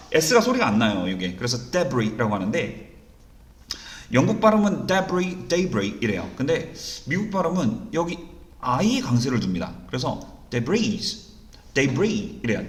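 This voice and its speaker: A man teaching an exam-prep English reading lesson in Korean. He keeps asking rhetorical questions and answering them himself, and he reads the English sentences slowly and deliberately. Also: medium pitch. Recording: roomy echo.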